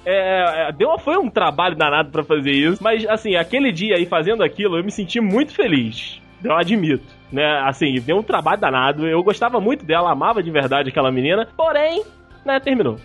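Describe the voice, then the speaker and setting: A Brazilian man co-hosting a podcast tells an embarrassing story with self-mocking humor. His voice sits high and swings widely in pitch. Faint music plays under the talk. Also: big pitch swings, brisk, fairly bright tone, breathy edge. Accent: Brazilian Portuguese. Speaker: podcast co-host. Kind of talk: casual storytelling chat.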